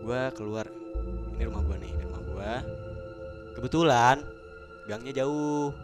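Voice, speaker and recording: A man's voice: mid-range voice, animated, unhurried. A man from Bukittinggi, a band member on a radio show, telling a story in an easygoing, slangy way. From Bukittinggi, West Sumatra. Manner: slangy, easygoing, chimes in often. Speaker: boy band member, guest. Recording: music bed under the voice.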